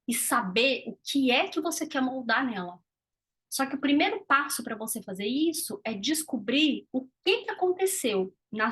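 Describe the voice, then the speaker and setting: A woman's voice: on the high side, a bit bright, husky. A woman, a communication mentor giving an earnest motivational talk, explaining things and asking the listener questions.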